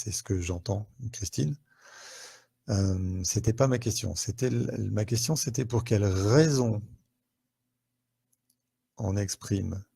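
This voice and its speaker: A man's voice: on the low side, gravelly, dark tone, husky. A French man, a therapist, hosting a live online talk to viewers, conversational and full of questions and fillers, on a headset mic.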